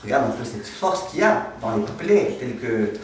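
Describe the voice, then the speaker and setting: Animated rabbi in an echoey room. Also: male voice, medium pitch, normal speed, a little hiss or hum. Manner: asks the class questions and answers them, tells anecdotes. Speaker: rabbi teaching a class. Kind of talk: lively Torah lesson with humor. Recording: echoey room, mic far off.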